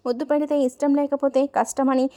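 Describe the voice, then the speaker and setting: A woman's voice: high-pitched, little pitch movement, warm tone, lightly acted. A woman reading as a spirited young village woman. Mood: scolding. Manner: emotional, quick to scold.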